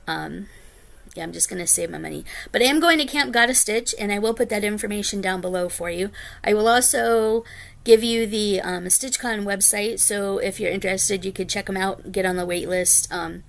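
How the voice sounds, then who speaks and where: Talking to the camera, this flosstube vlogger from the United States, a woman in her forties, rambles tiredly and fills her chat with ums. She has a gravelly, fairly bright mid-range voice and a moderate pace.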